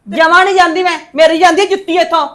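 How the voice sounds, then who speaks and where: A woman playing a sharp-tongued visiting mother who scolds and taunts her daughter's in-laws in a family drama. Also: very high voice, steady tone, very fast. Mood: scolding.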